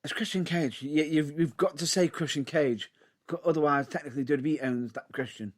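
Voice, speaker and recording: A man's voice: on the high side, fairly quick. A man co-hosting a podcast, laughing often and steering the talk onward. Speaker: podcast co-host. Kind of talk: casual chat.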